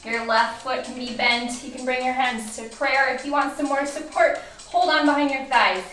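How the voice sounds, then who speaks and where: A woman's voice: high-pitched, fairly even intonation, normal speed, a bit bright, recorded from a distance. A woman instructor cueing a barre workout, counting reps and encouraging, her voice a bit worn. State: losing her voice. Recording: roomy, from off mic, faint music.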